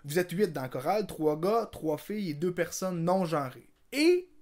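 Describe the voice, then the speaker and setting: A man, a comedian, asking mock-formal interview questions in a scripted comedy sketch, deadpan, with a Quebec French accent. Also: on the high side, normal speed.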